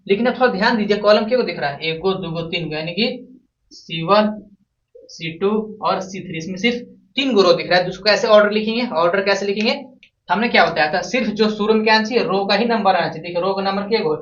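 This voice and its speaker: High-voiced man teaching math, echoey room. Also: fast talker, a bit bright. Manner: repeats questions to the class and answers them himself. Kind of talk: classroom board lesson. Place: classroom with a board. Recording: echoey room, from a distance, dull lo-fi sound.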